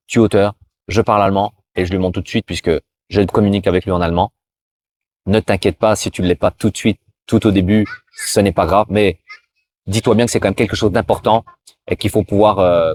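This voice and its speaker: A man's voice: lowish voice, darkish tone. A man from France giving informal career advice straight to the viewer, often restarting and repeating words as he goes. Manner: talks directly to viewer, frequent restarts and repetitions. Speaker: career advice video host.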